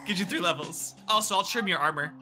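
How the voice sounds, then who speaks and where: A young man bantering casually while livestreaming a game, playful and excitable, given to mock-dramatic exclamations. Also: high-pitched, fast talker, faint music behind. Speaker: livestreamer playing a video game.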